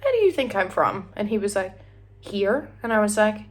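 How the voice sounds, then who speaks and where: A young Australian beauty vlogger is very animated as she chats through getting ready at home, her medium-pitched voice moving at normal speed. She rambles, sings a few lines here and there, and sometimes whispers, with background noise present.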